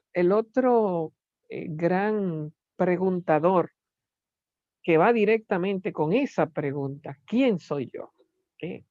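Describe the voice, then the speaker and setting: A lecturer teaching a class at an unhurried, deliberate pace, often stopping to search for the next word. The delivery leans on rhetorical questions. The recording is dull and lo-fi, with a dry, close sound. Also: medium pitch, darkish tone, dry recording.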